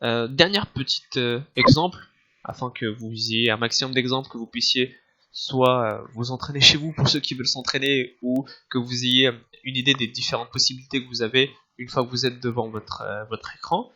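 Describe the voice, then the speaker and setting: A man teaching a screen-recorded software tutorial, explaining step by step with frequent restarts and filler sounds. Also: medium pitch, steady tone, moderate pace. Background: soft background music.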